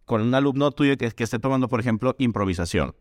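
A man's voice: medium pitch, quick pace, dry recording, studio quality. A man teaching a Dalcroze music lesson, explaining exercises and chanting rhythm syllables to demonstrate.

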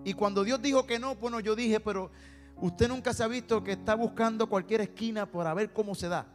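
A man with a Puerto Rican accent and a high voice, preaching in a church sanctuary with a long reverb trailing his words. He tells his testimony as a story, acts out both sides of each conversation and repeats words for weight. Soft instrumental music plays faintly underneath. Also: steady tone, a little fast. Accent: Puerto Rican Spanish. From Puerto Rico. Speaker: preacher and singer. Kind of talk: sermon with personal testimony.

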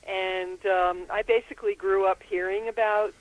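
Over the phone, an older Austrian herbalist and author answers interview questions thoughtfully, explaining things with frequent ums. Her voice is medium-pitched with fairly even intonation at a moderate pace, and the recording is rough.

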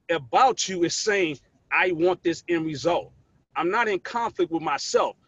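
A man's voice: high-pitched, a bit bright, no room sound. A man in a group discussion joining over a buzzy, glitchy online call that breaks up, talking earnestly and restarting words as he thinks. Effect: buzzy, glitchy online call audio that breaks up. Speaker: mastermind group member. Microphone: remote call connection. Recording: muffled, dry call line.

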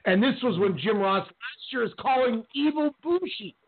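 A man's voice: very high-pitched, expressive, normal speed, husky. A man co-hosting a wrestling podcast, ranting in heated casual talk. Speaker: podcast co-host. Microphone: call-in radio line. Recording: tinny phone-line audio.

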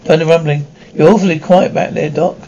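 A man reads out the roles of a period military drama in a high-pitched voice. The delivery stumbles, restarting and repeating words as it moves between pilots and others. The sound is dull and lo-fi. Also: fairly even intonation, fairly quick, dark tone. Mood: urgent.

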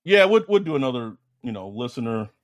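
A man's voice: mid-range voice, sing-song, fairly quick, dull audio. A man hosting a sports podcast in casual, slangy fan banter, swearing freely and repeating phrases for emphasis.

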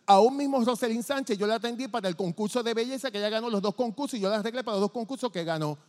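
A man giving a testimony from the pulpit, telling his story in an animated way and acting out the dialogue. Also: high-pitched, rapid-fire. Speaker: church testimony speaker. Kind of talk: testimony preaching. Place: church sanctuary. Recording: long church reverb.

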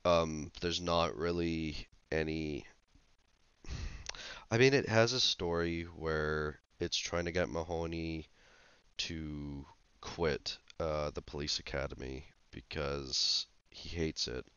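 Super deep smooth guy, dry dull lo-fi audio, hesitant podcast film chat. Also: steady tone, takes it slowly, fairly bright tone, dry recording. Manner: hesitant, critical, with many fillers. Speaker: podcast co-host. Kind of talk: casual film review chat.

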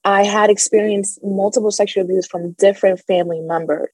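A woman's voice: mid-range voice, fairly even intonation, brisk, a little mellow, dry recording, low-quality recording. A young adult woman telling her personal story as an interview guest, open and emotional, with a nervous laugh now and then.

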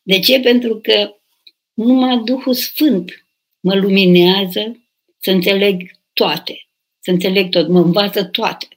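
Older abbess woman reading questions and answering, husky voice, pushes hard when she urges. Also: mid-range voice, fairly even intonation. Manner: reads questions aloud then answers, urging and emphatic, bursts of raised voice.

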